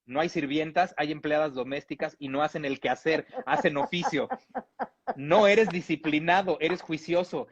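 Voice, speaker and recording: A man's voice: fairly high pitch, moderate pace. A man from Mexico reading a humorous text aloud in a playful, amused way, with chuckles now and then. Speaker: reader. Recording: dull lo-fi audio.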